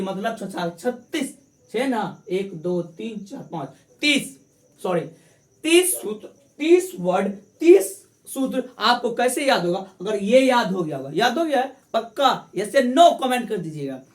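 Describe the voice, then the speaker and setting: Echoey, lively woman teaching math. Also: fairly high pitch, measured pace. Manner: repeats steps, asks and answers own questions; addresses viewers as friends, coaxing. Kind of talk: classroom-style tutorial to camera.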